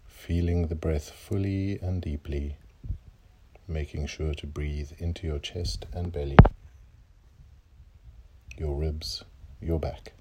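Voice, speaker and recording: A man leading a guided meditation, speaking slowly and softly, his calm phrases sometimes trailing into breathy near-whispers. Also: rumbling low, noisy background.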